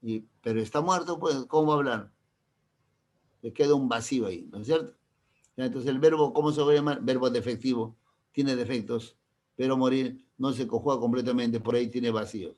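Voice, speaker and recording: A middle-aged language teacher with an easy, mid-pitched, darkish-toned voice leads a class through grammar rules from the front of the room. He keeps stopping to ask short, quick questions that confirm everyone follows, slipping in the occasional teasing example to keep it light.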